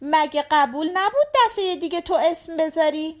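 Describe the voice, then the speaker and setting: This audiobook character voice comes from a woman raising her pitch to an extreme high. She's playing a small, talkative girl in a short story, curious and quick, constantly asking questions.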